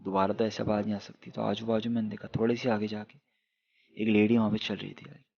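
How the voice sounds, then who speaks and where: A man's voice: fairly low pitch, level tone, fairly quick, gravelly, highs cut off. A young man telling a true horror story in a casual, chatty way, speaking straight to his viewers with lots of English fillers.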